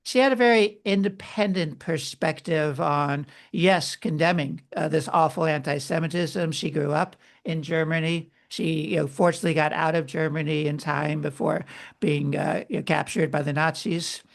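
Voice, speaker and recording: A man's voice: on the high side, steady tone, normal speed, gravelly. A man, a guest author, explaining history and ideas at length in a podcast interview. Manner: explanatory, lecturing.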